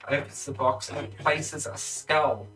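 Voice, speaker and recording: A man's voice: on the high side, slow pace, pushed and bright, far from the mic, soft background music. A man narrating a tabletop game as game master.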